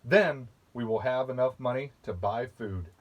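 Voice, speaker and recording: A worn-out, poor mother from a fairy tale, read by a man, sending her boy off and scolding him. The delivery stays slow and unhurried, close to the reader's own voice. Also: medium pitch, muffled recording, natural voice. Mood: stern.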